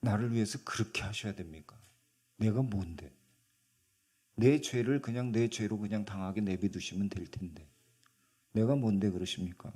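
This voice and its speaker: A man's voice: lowish voice, normal speed, dark tone, husky. A man voicing a humble male tax collector who asks pleading questions, in his plain speaking voice.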